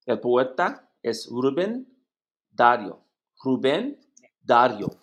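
Halting, laughing Spanish learner woman. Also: extremely low pitch, very animated, dull audio. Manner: hesitant, repeats words, laughs often. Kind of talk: halting poem reading practice.

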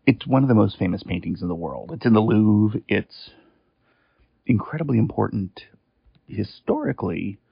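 A man's voice: on the low side, creaky, breathy edge, no echo. A man telling a story in a chatty, rambling way with wry asides, heard over a landline phone. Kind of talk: casual storytelling on a voicemail. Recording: muffled, narrow phone line, dry.

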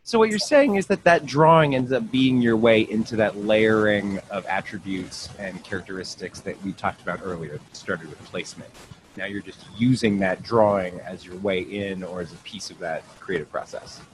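A man's voice: lowish voice, normal speed. A man who hosts the interview and works as an on-camera acting coach, asking long, thoughtful questions. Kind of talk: interview conversation. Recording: noisy background ambience.

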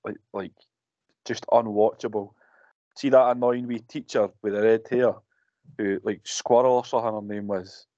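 Blunt, sweary podcast co-host. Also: male voice, fairly low pitch, steady tone, normal speed, mellow, no echo, lo-fi sound. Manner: blunt, sweary, laughs often. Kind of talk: casual podcast chat.

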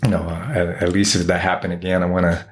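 Low-voiced Brazilian man, halting. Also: level tone. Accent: Brazilian Portuguese. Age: 40s. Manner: halting, many fillers and restarts. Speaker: guest. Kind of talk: casual interview.

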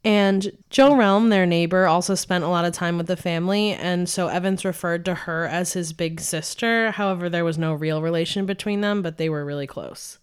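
A young woman from New York state hosting a casual true-crime podcast, chatty and quick to laugh as she tells the story. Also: lowish voice, clean tone. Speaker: podcast host narrating the case.

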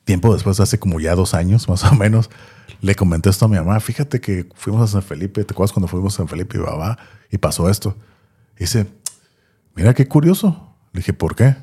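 A man tells a long personal story in relaxed podcast chat. His voice is very low and dark with a husky edge, and he talks fast. He repeats words and keeps tagging his sentences with little questions. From Tijuana, Mexico. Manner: rambling, repeats words, many tag questions. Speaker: podcast co-host.

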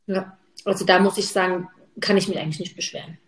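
A woman's voice: lowish voice, fairly even intonation, fast talker. A woman speaking as a podcast guest in an open, candid chat, with many fillers as she talks. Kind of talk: casual chat. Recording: roomy echo.

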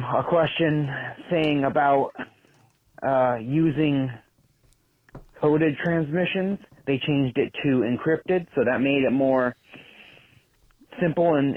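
A man's voice: mid-range voice, steady tone, takes it slowly. Man's chatty voicemail over a tinny phone line. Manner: rambling and chatty, with many ums and uhs. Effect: played-back phone voicemail. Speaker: listener leaving a voicemail for the podcast. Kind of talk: casual voice message.

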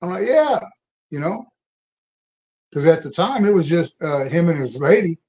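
A man's voice: a little high, sing-song, moderate pace, darkish tone. A man calling in over the phone, chatting easily and agreeing with the host. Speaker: call-in guest. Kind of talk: casual chat. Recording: tinny, distant phone line.

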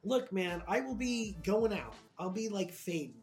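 A woman's voice: medium pitch, animated, a little slow, darkish tone. A woman co-hosting a comedy podcast, improvising a profane rant and often breaking into laughter. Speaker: podcast co-host.

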